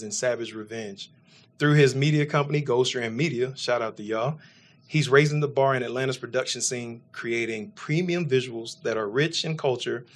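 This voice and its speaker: Hyped male podcast host. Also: medium pitch. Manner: hyped, playful, jokes about his own delivery. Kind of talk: energetic podcast intro and chat.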